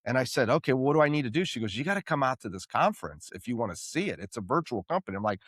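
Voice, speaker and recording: A man's voice: medium pitch, very fast, dry recording, studio quality. A man hosting a podcast, telling a story in casual chat and acting out the voices in it. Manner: animated storyteller, acts out quoted voices. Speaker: podcast host.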